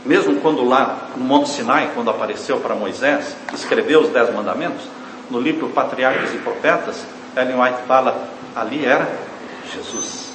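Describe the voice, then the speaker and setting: A man preaching a sermon, leaning hard on key words, then dropping to a hushed, low voice, and calling the congregation his dear ones. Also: moderate pace, background noise. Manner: emphatic preaching, swings from loud stressed words to hushed low phrases. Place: church hall. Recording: echoey church hall, faint ambience.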